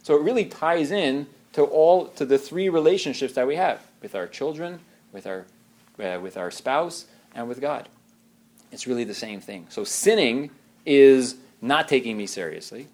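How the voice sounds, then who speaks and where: A man giving an informal religious talk, animated and given to restarts, acting out the voices he quotes. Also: mid-range voice, normal speed.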